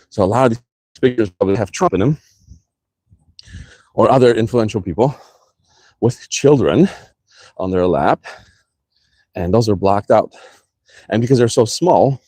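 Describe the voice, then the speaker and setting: A man's voice: medium pitch, mellow, no room sound. A man with a slight accent, ranting heatedly and profanely in a casual vlog, talking from his car. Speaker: vlogger.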